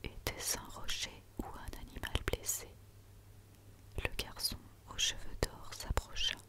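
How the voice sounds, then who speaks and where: A woman reads a story aloud in a quiet, soothing night-time whisper, as in ASMR, close to the microphone. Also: unhurried. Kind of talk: whispered ASMR reading of a children's tale.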